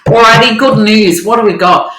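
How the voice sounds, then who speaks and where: A woman's voice: fairly high pitch, normal speed, a crowd in the background. An Australian woman co-hosting a podcast in casual, upbeat chat, recorded in a new bare office that sounds echoey. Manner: upbeat, chatty, cheerful. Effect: echoey bare room. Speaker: podcast co-host.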